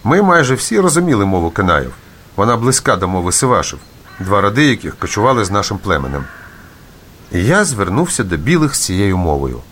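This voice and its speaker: A male narrator reads a first-person adventure story. His voice sits on the low side yet moves through a wide, lively range. A faint background hiss runs under the reading. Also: a little fast.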